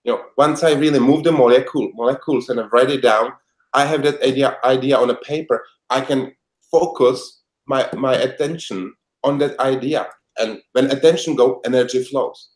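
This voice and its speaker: A man's voice: medium pitch, normal speed. A man from the Czech Republic with a Czech accent, speaking English as a second language and answering interview questions as a life coach in an earnest, heartfelt way. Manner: earnest, heartfelt, with non-native grammar. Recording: echoey room sound.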